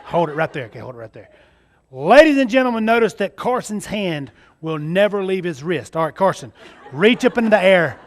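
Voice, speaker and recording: A man's voice: high-pitched, big pitch swings, brisk. A man with a Southern US accent doing live kids' magic show patter, showy and jokey like a party magician as he coaches a child. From Mississippi, United States. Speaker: stage magician performing with a child volunteer.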